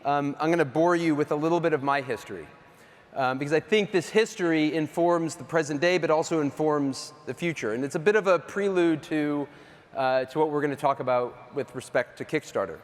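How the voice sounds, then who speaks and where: On a big stage, a middle-aged East Coast man gives a casual conference keynote into a handheld or stage mic, his slightly high voice ringing with long hall reverb. He speaks a little fast, chatty and self-deprecating, with lots of ums, fillers, and asides.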